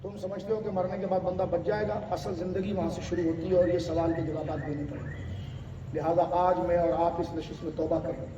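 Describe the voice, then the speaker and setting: A man delivers an exhorting sermon in a high, dark-toned voice, piling up rhetorical questions and appeals. He sounds distant, swallowed by heavy hall echo. The recording is muffled and lo-fi, with faint noise behind. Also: little pitch movement. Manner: exhorting, rhetorical questions and listed appeals, calls audience to respond. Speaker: preacher. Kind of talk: Urdu religious sermon to a gathering.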